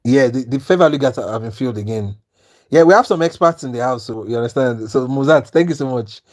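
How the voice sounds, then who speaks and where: A Nigerian man running a trading livestream talks briskly to chat viewers in an expressive, darkish mid-range voice with a Nigerian accent. He comes across as earnest and persuasive, with a habit of saying "you understand?"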